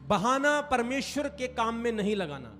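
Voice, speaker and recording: Extremely high in pitch, bright and forceful, a very animated pastor preaches at a moderate pace. He punches and draws out key phrases and urges the congregation to answer back. The hall echoes, with faint music underneath.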